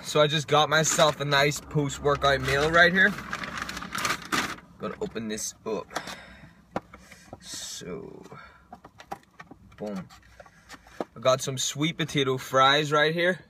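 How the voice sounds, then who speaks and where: A man's voice: medium pitch, slow pace, long pauses, noisy background. Chatty young man. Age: young adult. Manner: relaxed, chatty, swears casually. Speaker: fitness vlogger. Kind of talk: casual vlog narration. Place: gym, parked car, home kitchen.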